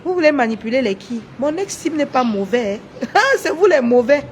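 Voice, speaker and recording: A woman's voice: high-pitched, lively intonation, moderate pace, slight background noise. A woman on a casual livestream, taunting her rivals with repeated rhetorical questions. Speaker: social media livestreamer.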